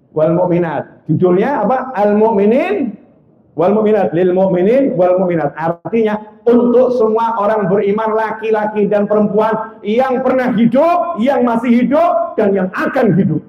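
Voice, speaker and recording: A man preaching a sermon to a congregation, animated, swinging between loud exclamations and soft low asides and acting out the voices of people in his stories. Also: unhurried. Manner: acts out quoted voices in dialogue. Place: mosque or hall before a congregation. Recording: echoey room, dull lo-fi sound.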